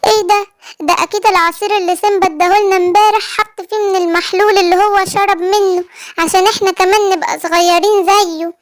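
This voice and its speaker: A woman's voice: fairly even intonation, fast talker. A woman with an Egyptian accent voicing a sleepy, anxious little girl cow in a children's cartoon story. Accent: Egyptian Arabic. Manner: squeaky childlike voice.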